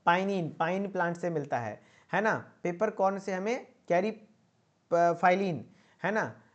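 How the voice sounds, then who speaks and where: A pharmacy teacher gives an online exam-prep lecture, repeating points and checking in with students through a coaxing "okay?". His voice is high and measured in pace, and the sound is lo-fi.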